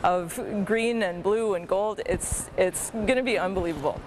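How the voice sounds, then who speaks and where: A woman's voice: mid-range voice, moderate pace, a little hiss or hum. A woman speaking informally in a news interview.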